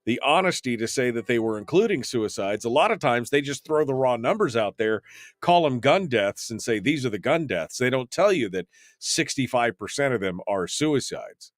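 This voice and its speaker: A man with a medium-pitched, animated voice hosts a talk radio show at normal speed, reading listener comments aloud. He answers them with opinionated, rambling remarks full of ums and restarts, in a dry, clean studio recording.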